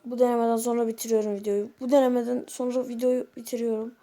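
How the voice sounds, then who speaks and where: A woman's voice: on the high side, little pitch movement, fast, mellow. A young woman commenting on her own gameplay, exasperated, exclaiming and muttering to herself. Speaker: gaming video creator.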